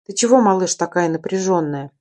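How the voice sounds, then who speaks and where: A woman's voice: fairly low pitch, animated, brisk. A woman reading a loving young husband. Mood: concerned. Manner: tender, gentle. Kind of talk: audiobook reading of a romance novel.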